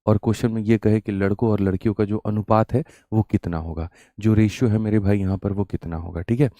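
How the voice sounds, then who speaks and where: A man with a sore throat teaches a live-streamed maths lesson, firing question after question at his students and calling them "mere bhai" and "bachchon" amid repetitive rhetorical questions. His voice is lowish, dark, steady in tone, and a little fast, with no echo.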